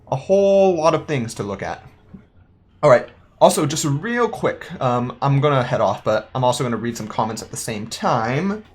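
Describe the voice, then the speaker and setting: A young man, a student, chatting casually through a game playthrough, reading in-game notes aloud and thinking out loud. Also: mid-range voice, a little hiss or hum. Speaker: gaming YouTuber. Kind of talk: casual let's-play commentary.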